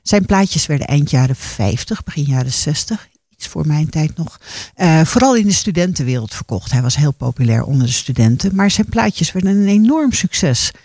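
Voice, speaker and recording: Raspy-voiced enthusiastic radio host, a man. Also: on the high side, sing-song, normal speed, hardly any pauses, darkish tone, no echo. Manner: chatty, enthusiastic, asks the guest questions. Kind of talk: casual radio chat.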